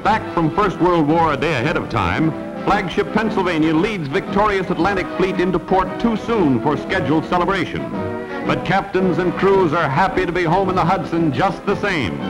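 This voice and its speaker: A man's voice: sits high, lively intonation, normal speed, poor audio. Man in old newsreel narration over music. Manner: clipped headline phrasing, drops articles. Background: loud music.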